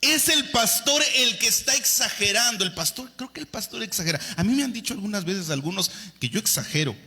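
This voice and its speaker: A male pastor preaching a sermon with animated delivery, swinging between quiet and loud. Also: sits high, brisk, slightly rough. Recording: long hall reverb.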